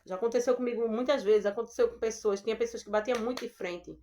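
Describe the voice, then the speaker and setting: Woman, Brazilian Portuguese accent, devotional preacher, gentle and earnest, somewhat high voice. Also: fast talker, slight background noise. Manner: gentle, earnest, addresses listeners as sisters. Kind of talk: devotional Bible talk.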